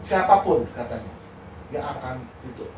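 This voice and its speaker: Older male architect-lecturer, animated candid storyteller; roomy, noisy, distant recording. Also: medium pitch, normal speed. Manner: animated, candid, laughs while telling stories. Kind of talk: informal talk with storytelling.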